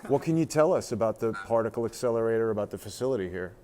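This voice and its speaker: Walking around a research facility, a man hosts a casual live-streamed tour, commenting inquisitively and reading signs aloud. His medium-pitched, darkish voice is expressive and races along, captured on a noisy stream inside a public building.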